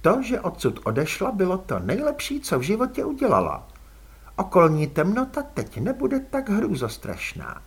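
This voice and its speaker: An elegant female vampire with a cool, drawling, aristocratic manner, as a male audiobook narrator puts her on. The voice rides high and swoops all over, with a husky grain underneath. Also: huge pitch swings, heavily acted. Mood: cool, poised. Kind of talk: audiobook character voice.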